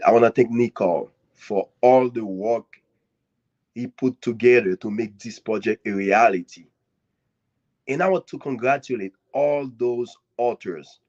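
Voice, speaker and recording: A man from Haiti speaks slowly and deliberately, pausing for effect and leaning hard on words of thanks. His pitch sits in the middle, and the audio has a dull, lo-fi sound. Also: a little mellow. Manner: earnest and grateful, with swinging emphasis and dramatic pauses. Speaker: guest author. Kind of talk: speech at a live author event.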